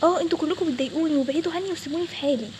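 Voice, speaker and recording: A woman's voice: high voice, rapid-fire, a little mellow, slight background noise, close to an everyday voice. A woman with an Egyptian Arabic accent voicing an exasperated young bank clerk in a toy role-play story. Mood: annoyed. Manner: exasperated, snapping back.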